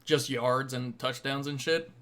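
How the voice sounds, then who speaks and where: A man's voice: mid-range voice, steady tone, unhurried, fairly bright tone. An American man co-hosting a podcast, chatting about sports in a laid-back, colloquial way with casual swearing.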